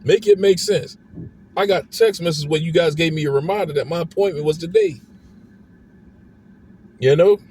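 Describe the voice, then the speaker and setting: A man's voice: on the high side, normal speed, pauses often, darkish tone. A man who is unwell vents heatedly on a car ride home, repeating himself as he talks to his viewers. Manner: heated, repetitive, keeps asking "you know what I'm saying". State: unwell, congested. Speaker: family vlogger. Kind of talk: ranting car-ride vlog. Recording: car road noise behind the voice.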